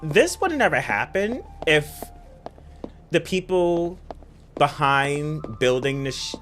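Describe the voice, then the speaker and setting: A gaming streamer chatting casually while playing, telling stories excitedly and talking to the chat. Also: mid-range voice, slow pace, faint music behind. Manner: excitable, giggly storytelling, talks to chat.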